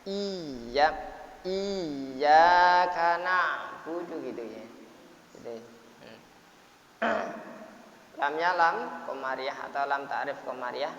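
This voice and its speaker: A man teaches Quran recitation in a slow, unhurried way, breaking his explanations into short phrases. He stretches words out at length to model them and clears his throat often. The recording is dull and lo-fi, with a long hall echo. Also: medium pitch, fairly bright tone. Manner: explains in short broken phrases, then drawls words slowly to demonstrate. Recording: echoey, hissy, dull lo-fi room recording.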